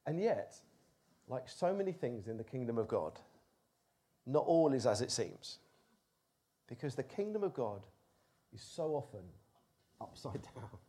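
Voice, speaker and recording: A man's voice: medium pitch, big pitch swings, a little slow, pauses often, dark tone, husky. A man preaching a sermon, telling a story expressively with rising emphasis.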